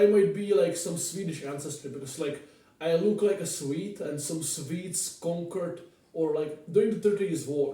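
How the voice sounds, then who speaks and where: A Czech man with a Czech accent, a vlogger, tells stories to the camera in a casual, rambling, repetitive way. His voice sits on the high side and sounds mellow. The recording comes from a distant microphone in a very echoey room.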